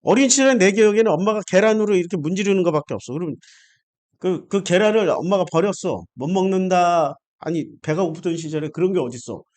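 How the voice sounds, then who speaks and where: A man's voice: high-pitched, animated, fast talker, a little mellow. A middle-aged man preaching a sermon in a blunt, emotional way, firing rhetorical questions at his listeners and cursing when he gets heated. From South Korea. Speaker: pastor.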